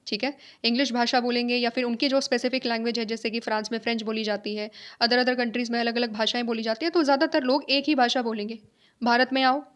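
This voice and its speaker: A woman teacher giving a lecture, asking and answering her own questions, repeating key points and checking that her students follow. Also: a little high. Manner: mixes in English phrases, checks understanding with tag questions. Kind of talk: classroom lecture.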